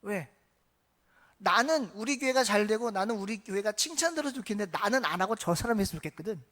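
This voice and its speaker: A man preaching a Sunday sermon in church. He keeps asking the congregation questions and swings between loud emphasis and hushed asides. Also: high-pitched, quick pace. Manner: lively, asks the congregation questions. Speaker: pastor. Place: church sanctuary.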